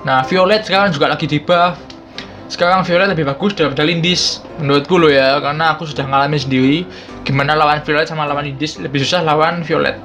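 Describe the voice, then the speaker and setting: A man's voice: fairly high pitch, steady tone, quick pace, a bit bright. A man in his twenties with a speech impediment that blurs his r and l, chatting casually to viewers as a gaming YouTuber. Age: 20s. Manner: chatty, informal, addresses viewers as friends. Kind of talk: casual explainer to camera. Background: background music.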